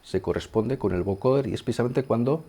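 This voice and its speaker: Speaking fast in a mellow, medium-pitched voice with a breathy edge, a Castilian-accented Spanish man demonstrates a synthesizer. As a sound engineer giving an informal, conversational tutorial, he explains things step by step and frequently checks in with listeners, while synth sounds are heard.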